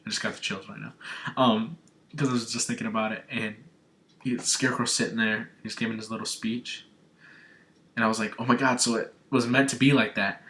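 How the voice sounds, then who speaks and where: A young man from Arizona recapping a gaming showcase on his vlog, talking with gushing, excitable fan enthusiasm. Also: lowish voice, fairly quick. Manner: gushing, breathless fanboy enthusiasm. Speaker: gaming vlogger. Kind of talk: excited video game recap.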